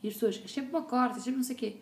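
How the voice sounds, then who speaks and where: A woman hosting a podcast, quick and chatty, supportive toward her guest. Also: a little high. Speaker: podcast host. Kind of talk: casual podcast conversation. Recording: roomy with faint ambient noise.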